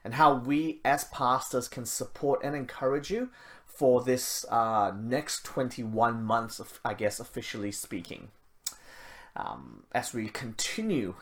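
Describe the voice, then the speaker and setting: A man's voice: mid-range voice, lively intonation, measured pace. A man from Malaysia, a pastor, giving church announcements and opening a prayer in a chatty way with self-deprecating asides. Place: church service, streamed live.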